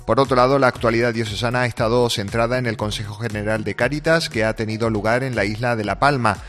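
A man reading a church news program on radio in a measured, formal way. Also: medium pitch, steady tone, fairly bright tone, soft background music. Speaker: radio presenter.

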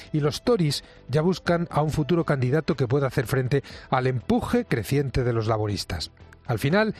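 Spanish man reading a formal radio editorial. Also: on the high side. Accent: Spain Spanish. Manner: formal, measured, critical delivery. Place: radio studio. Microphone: studio microphone.

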